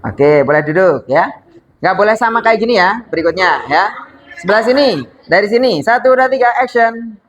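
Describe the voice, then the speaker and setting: A man's voice: high voice, expressive, moderate pace, a bit bright, lo-fi sound. A man teaching storytelling to a group in a workshop, upbeat and coaxing, counting students in for practice. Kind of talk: workshop lecture with practice drills.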